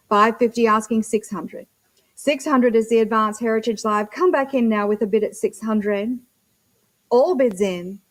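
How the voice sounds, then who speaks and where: A woman's voice: medium pitch, rough recording. A woman working as a live auctioneer, chanting bid numbers and prompts between short descriptions of the lots.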